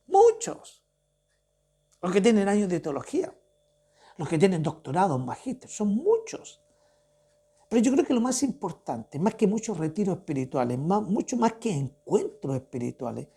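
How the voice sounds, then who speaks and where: A man's voice: sits high, dark tone, breathy edge. A man preaching a sermon to his church, building his points through emphatic repetition.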